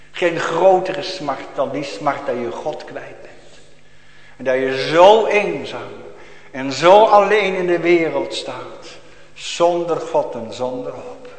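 A man preaching a fervent sermon as pastor, with hushed, drawn-out passages. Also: on the high side. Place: church. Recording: echoey church hall.

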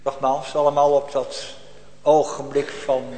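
A man preaching a sermon, swinging from loud pleading cries to hushed near-whispers and drawing out stressed phrases slowly. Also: mid-range voice, little pitch movement. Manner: slow, drawn-out stressed phrases. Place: church. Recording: echoey church hall with long reverb.

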